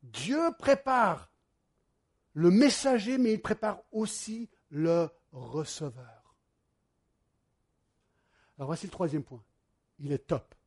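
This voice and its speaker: A man, a pastor preaching a sermon and telling stories to his congregation in a lively way. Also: high voice, slightly rough. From United States. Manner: animated storytelling, addresses the congregation directly.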